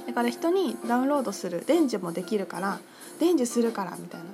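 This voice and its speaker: A woman talking casually on her own about her crystal shop, chatty and full of fillers, lively when she quotes others. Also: on the high side, fast. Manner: chatty, filler-heavy, animated quoting. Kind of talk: casual solo talk. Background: music.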